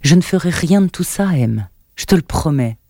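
A man's voice: on the high side, lively intonation, normal speed, creaky, a little mellow, no room sound, studio quality, pitched above the performer's own voice. A man reading an audiobook, voicing a hesitant, wry man in his thirties who mutters his lines. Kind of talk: audiobook narration.

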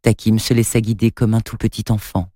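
A man narrating a storybook in a steady, even reading voice. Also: on the low side, brisk, no room sound, studio quality. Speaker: narrator and radio presenter.

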